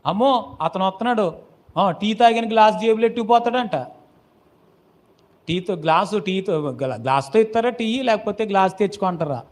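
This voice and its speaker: High-voiced preacher calling out to his flock. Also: expressive, normal speed, long pauses. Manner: call-and-response preaching, rising to loud exhortation. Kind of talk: sermon.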